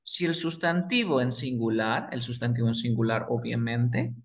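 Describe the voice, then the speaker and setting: A man whose first language is Spanish, teaching English grammar to beginners and repeating words as he quizzes the listener. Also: mid-range voice. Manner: repeats words slowly, asks and answers his own questions.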